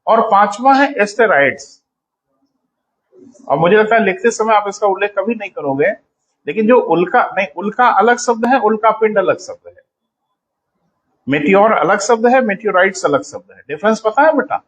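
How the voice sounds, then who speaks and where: A man's voice: high voice, lively intonation, moderate pace, a bit bright, poor audio. A man teaching in a coaching class, lecturing students sternly and calling them "beta" as he explains.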